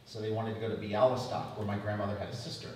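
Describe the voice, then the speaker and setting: A middle-aged man retelling family history at a public talk, halting and repeating words as he goes. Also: on the low side, fairly even intonation, a little hiss or hum. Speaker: lecture speaker. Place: museum lecture room. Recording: echoey hall from far off.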